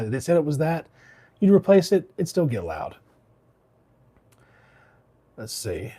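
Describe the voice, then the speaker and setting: This Alabama man's voice is medium-pitched, dark, and slightly rough as he runs a barber livestream despite being a little sick. Relaxed and rambling, he reads viewer comments aloud and keeps restarting sentences amid frequent fillers.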